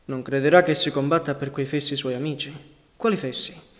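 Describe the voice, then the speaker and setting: A man's voice: mid-range voice, fairly quick, close to an everyday voice. A man voicing a curt, sardonic young partisan leader with a dry, mocking manner, in a storybook reading. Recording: long reverberant hall sound.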